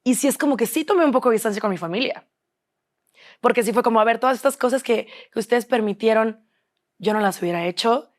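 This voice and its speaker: A young woman with a Mexican Spanish accent speaks quickly in a slightly high voice as an interview guest. She talks candidly, often quoting herself and others.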